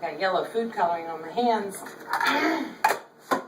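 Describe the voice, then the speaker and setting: A woman's voice: medium pitch, lively intonation, takes it slowly. Chatty older southern lady cooking at home, roomy echoey kitchen, mic kinda far off, some noise behind. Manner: chatty, folksy, opinionated. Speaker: cooking show host. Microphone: camera held by her son. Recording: echoey room, distant camera mic, background noise.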